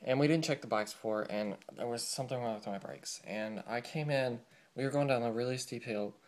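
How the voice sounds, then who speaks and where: A man's voice: medium pitch, brisk. A young man from California, telling his life story in a casual, rambling vlog with many fillers, recorded on a camera mic. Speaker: vlogger.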